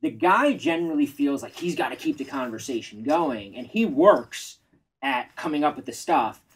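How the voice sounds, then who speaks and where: A man giving dating advice in a measured, reflective casual chat. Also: mid-range voice, lively intonation, husky, low-quality recording. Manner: measured, reflective, self-disclosing. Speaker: dating coach.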